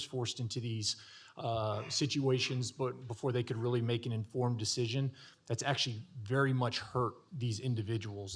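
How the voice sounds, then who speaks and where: A man speaks as a county commissioner at a public meeting, with a mid-range voice. He talks off the cuff in a halting way, often doubling back on words as he looks for the next phrase. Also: mid-range voice. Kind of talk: extemporaneous remarks at a public meeting.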